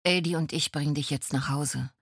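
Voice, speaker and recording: A woman voicing a grave young man in an audiobook, solemn and measured. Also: low-pitched, steady tone, husky, no echo, clean studio sound. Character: grave young man, old family friend.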